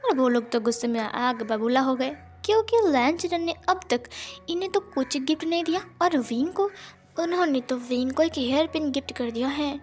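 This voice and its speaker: Woman, casual storyteller, chatty narration, high voice, soft music behind. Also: moderate pace. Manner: lively, conversational narration. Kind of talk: casual fan-fiction storytelling.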